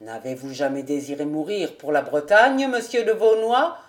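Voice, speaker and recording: A woman voicing a grave old male nobleman who speaks slowly and sadly for an audiobook. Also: low voice, lively intonation, pitched below the performer's own voice. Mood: fervent. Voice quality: slow, sad, solemn delivery.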